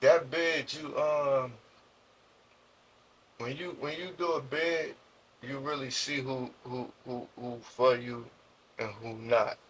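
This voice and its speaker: A young man from Jersey City with a New Jersey accent, telling his story as an interview guest in slangy, halting speech full of restarts. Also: medium pitch, steady tone, a little hiss or hum, low-quality recording. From Jersey City, USA.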